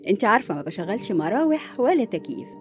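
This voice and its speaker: Actress for a bossy Egyptian madam, animated and rapid, faint music. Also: female voice, medium pitch, close to an everyday voice. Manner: bossy, refined, lively. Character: prim, lonely middle-aged lady of the house.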